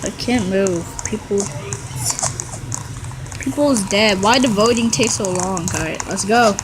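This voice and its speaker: A woman giving chatty, excitable gameplay commentary, trash-talking other players as she goes. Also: mid-range voice, measured pace, noisy background. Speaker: gamer.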